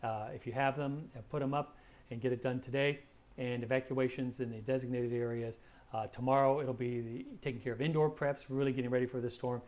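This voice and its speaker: A man's voice: medium pitch, steady tone, brisk, darkish tone. A man presenting a live weather briefing as a forecaster, talking conversationally and hesitantly, often repeating words as he explains.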